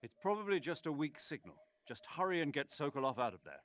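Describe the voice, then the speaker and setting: Commanding major with lively intonation. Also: male voice, fairly high pitch. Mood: brisk, businesslike. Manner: brisk, authoritative. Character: commanding male military major directing a mission. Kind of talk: video game radio briefing acting.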